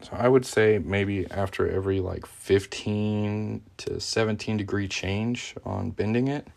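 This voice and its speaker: Speaking a little slowly in a low, creaky voice with a darkish, steady tone, this coin ring maker demonstrates his work on a live stream. He keeps things casual and replies to comments from viewers. Workshop tools, sanding and clicking make the recording noisy.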